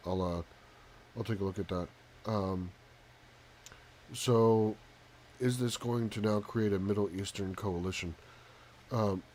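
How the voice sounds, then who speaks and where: A soft-spoken man hosting a live stream with casual commentary, halting often with pauses and ums. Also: sits low, a little hiss or hum. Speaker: live talk show host.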